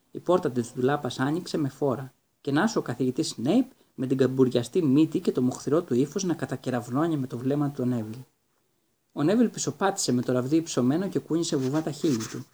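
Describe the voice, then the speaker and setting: A man narrating an audiobook in a steady, even storytelling read. His voice is dark and mellow, with a husky edge to it. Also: medium pitch.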